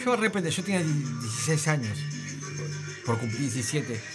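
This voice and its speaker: A man's voice: mid-range voice, sing-song, normal speed, over music. A man hosting a radio show, telling a story in a rambling, emphatic way with lots of filler words. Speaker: radio host. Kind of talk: casual radio banter.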